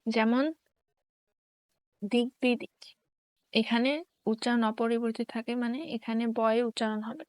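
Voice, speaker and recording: A woman teacher slowly reading grammar rules and examples in a careful, dictation-like way. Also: on the high side, monotone, dry recording.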